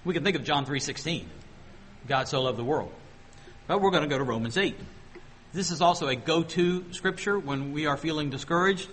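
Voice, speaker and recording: A man preaching a sermon, asking the congregation questions and slowing down to read scripture aloud. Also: fairly high pitch, a bit bright, slight background noise. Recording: long hall reverb.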